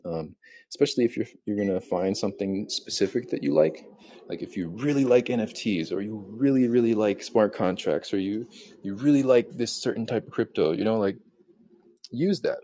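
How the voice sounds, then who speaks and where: Fixing breakfast as he talks, a man runs a laid-back podcast by himself, his speech loose and rambling, packed with fillers, and often restarted or corrected. He has a fairly low, warm voice at a moderate pace and is not a native Spanish speaker.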